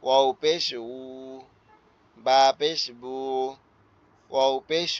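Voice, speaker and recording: Hoarse man drilling Quran letter sounds. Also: mid-range voice, steady tone, slow pace. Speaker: Quran teacher. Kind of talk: online tajweed class. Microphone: online class audio. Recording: dull lo-fi online class audio.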